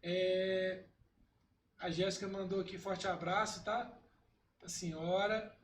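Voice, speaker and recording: High-voiced male host in a roomy space. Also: fairly even intonation, slow, slight background noise. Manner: friendly, sends greetings to viewers. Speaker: podcast host. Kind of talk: casual live-stream chat and interviewing.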